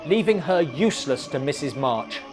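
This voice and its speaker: A man with a slightly higher voice hosts a bad-movie review, mocking each scene with dry, sarcastic narration. Faint music plays under his voice. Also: lively intonation, moderate pace, darkish tone. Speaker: film reviewer host. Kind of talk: sarcastic comedic film review.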